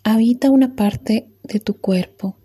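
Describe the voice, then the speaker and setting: A woman leading a guided meditation in a soft, calm voice with long pauses. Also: on the high side, husky.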